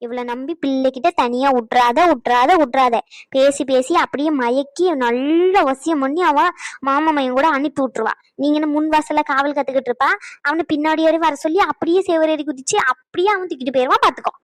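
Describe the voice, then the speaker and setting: A woman voicing a sharp, sarcastic older mother-in-law for a cartoon. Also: high voice, brisk, no room sound, lightly acted. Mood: warning. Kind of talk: cartoon voice acting.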